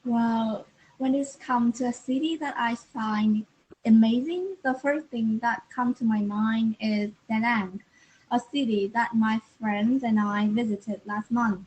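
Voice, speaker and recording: A woman's voice: fairly high pitch, a little slow, a little mellow, slightly rough, dull audio. A young adult woman student, speaking hesitantly in English practice. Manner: hesitant, careful.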